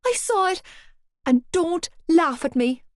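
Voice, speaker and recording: A woman voicing a frightened, jumpy teenage girl, her lines high, shrill and pleading. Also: big pitch swings, slow pace, no echo, clean studio sound, heavily acted.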